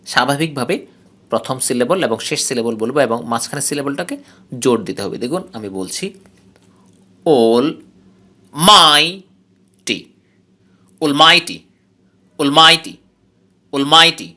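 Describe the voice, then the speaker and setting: A man with a Bangladeshi accent teaching an English phonetics lesson, explaining slowly and repeating example words with strong stress. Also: medium pitch, expressive, fairly bright tone.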